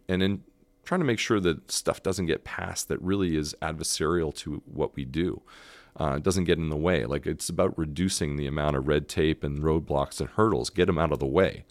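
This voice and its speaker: A man's voice: low voice, dry recording. A middle-aged man from Canada, a restaurant owner speaking as a guest in a casual podcast interview, earnest and emphatic, often repeating words as he thinks.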